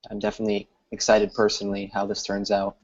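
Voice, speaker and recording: A man's voice: lowish voice, completely flat delivery, fast. A man co-hosting a casual live stream, chatty and teasing toward the host. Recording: dull lo-fi stream audio.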